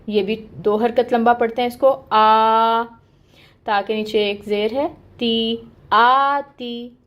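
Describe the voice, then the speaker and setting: Slow, patient higher-voiced woman teaching. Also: a little mellow. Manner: patient, explains step by step and often checks in with "okay"; draws out demonstrated sounds. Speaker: Quran recitation teacher. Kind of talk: online lesson explaining letter sounds.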